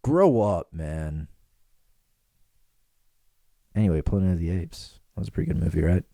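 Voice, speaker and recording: A man's voice: low-pitched, fairly even intonation, normal speed, gravelly, warm tone, no echo, clean studio sound. A man in his twenties hosting a podcast, rambling and riffing in casual joking chat in a small room with pillows dampening the sound. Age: 20s. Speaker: podcast host.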